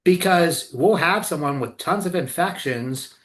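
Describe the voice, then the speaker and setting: A man's voice: fairly high pitch, measured pace. A man hosting a casual podcast conversation, blunt and swearing freely about the system. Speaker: co-owner and clinical director, host.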